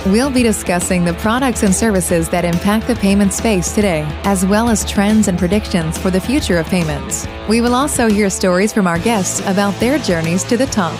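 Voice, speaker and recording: A woman's voice: mid-range voice, normal speed, hardly any pauses. Woman announcer over guitar music. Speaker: show announcer. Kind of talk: scripted show intro.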